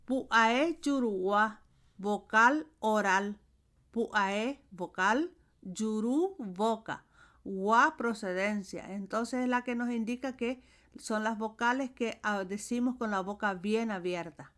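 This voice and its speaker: A woman's voice: mid-range voice, slow pace, fairly bright tone. A woman teaching a language lesson, saying sounds and words one at a time and stressing the final syllables. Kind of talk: slow explanatory lesson.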